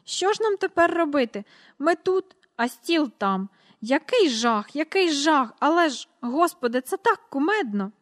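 A woman reading a storybook aloud, voicing a jolly, giggly old gentleman who keeps bursting into laughter. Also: a little high, expressive, moderate pace, lightly acted.

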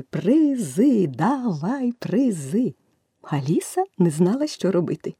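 A woman reads a children's storybook aloud with an expressive, animated delivery that rises and falls. Her voice is low, dark and a little breathy. The recording is close and dry. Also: dry recording. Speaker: narrator.

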